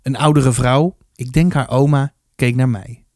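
A man reads a children's book aloud in an easy, lively first-person telling. His voice sits at an ordinary pitch. It is recorded close and dry, with no room sound. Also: measured pace, no room sound. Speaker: storybook reader.

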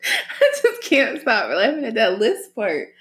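A woman's voice: a little high, huge pitch swings, measured pace, a bit bright, reverberant, low-quality recording. A woman, co-hosting a casual podcast chat, who teases and laughs often. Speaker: podcast co-host.

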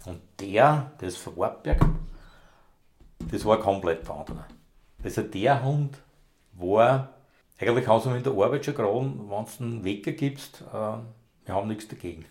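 A man spins long, rambling anecdotes from his years handling rescue dogs. He talks casually in thick dialect and often lets his sentences trail off quietly. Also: on the low side, moderate pace. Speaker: former rescue dog handler, interviewee. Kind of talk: casual storytelling interview.

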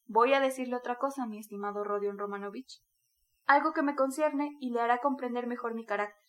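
A woman's voice: fairly high pitch, steady tone, fairly quick, fairly bright tone, close to an everyday voice. A woman reading the lines of a sly, chatty middle-aged male magistrate who keeps pressing in an ingratiating way.

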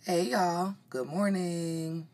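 A woman with a low voice that carries a slight morning rasp. She hosts a solo podcast in a loose, chatty style. Her delivery is sassy and unfiltered, with plenty of swearing and familiar pet names. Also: fairly even intonation, extremely slow, loud music behind the voice. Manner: sassy, profane, unfiltered, says "honey" often. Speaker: podcast host. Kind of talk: casual chat, solo podcast. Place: walk-in closet at home.

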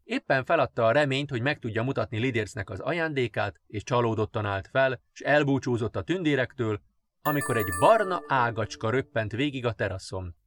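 A man narrating children's fairy tales in a gentle, expressive reading. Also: mid-range voice, a little hiss or hum. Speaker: audiobook narrator. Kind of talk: storybook narration.

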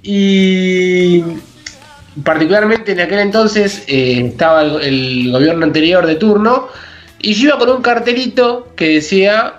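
A man with an Argentine accent telling a work story in casual chat, halting and restarting his words. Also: sits high, highs cut off. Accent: Argentine Spanish. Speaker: podcast co-host.

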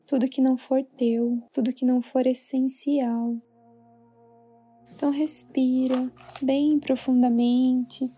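Brazilian lady doing hushed soothing spa meditation, slightly high relaxed voice, clean and smooth with faint music behind. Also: slow. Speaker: meditation guide. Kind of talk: guided sleep meditation. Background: soft background music.

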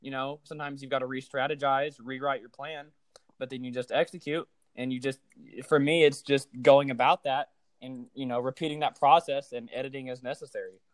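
Young dude around twenty, casual chat, swears a lot, dry close sound. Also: male voice, medium pitch, fairly even intonation, fairly quick, dry recording. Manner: loose and profane, with many fillers. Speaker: podcast host.

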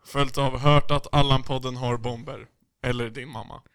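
A man's voice: medium pitch, level tone, a bit bright, clear, resonant tone, dry recording, clean studio sound. A young man hosting a casual podcast, reading out listener answers and joking with loose swearing. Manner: laughing, swearing, loose banter.

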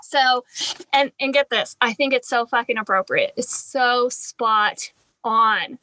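Young woman, podcast co-host, high pitched, dry close sound, casual and sweary. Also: slow, bright, forceful tone, no room sound, poor audio. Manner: chatty, swears freely, laughs often. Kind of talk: casual true-crime podcast chat.

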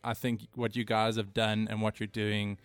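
Man, podcast co-host, casual interview, halting with restarts, dry close sound. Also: lowish voice, monotone, dry recording. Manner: halting, full of restarts and chuckles.

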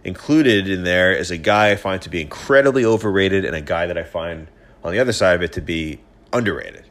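A man's voice: low-pitched, a little fast, a bit bright. Congested, pinched-nose male podcast host. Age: 30s. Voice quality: congested, pinched-nose nasal sound from a cold. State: stuffy with a head cold, slightly scratchy throat. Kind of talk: solo podcast monologue, opinion and sports commentary.

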